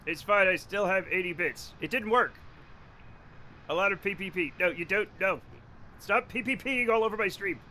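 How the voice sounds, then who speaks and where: During a live game stream, a man from Rhode Island chats casually, rambling, joking, swearing freely and laughing often. His high-pitched voice is bright and forceful at a moderate pace, with slight background noise.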